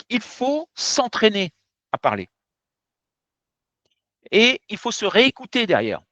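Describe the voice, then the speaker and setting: A male French teacher giving an explanatory lesson, direct and emphatic as he talks straight to his viewers. His voice sits high and swings widely in pitch. The recording is dry and a bit dull. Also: fairly bright tone, dry recording. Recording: dull, slightly muffled sound.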